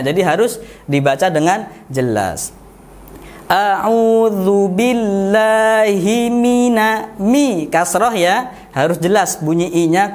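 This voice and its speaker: Slow, high-voiced Indonesian man teaching. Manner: slow, deliberate, drawls out example syllables; frequent self-corrections with "eh". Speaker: Quran recitation teacher. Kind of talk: patient step-by-step tajwid lesson.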